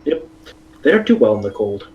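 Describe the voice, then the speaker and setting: A man's voice: fairly low pitch, very animated, brisk, a little mellow, lo-fi sound. A man from South Texas bantering casually and easily as a co-streamer. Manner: easygoing, laid-back banter. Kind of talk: casual chat.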